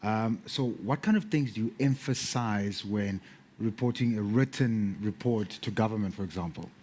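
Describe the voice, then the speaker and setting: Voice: medium pitch, moderate pace, darkish tone. A TV host interviewing a guest on a studio couch, talking casually and joking around. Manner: casual, jokey, uses fillers like "you know".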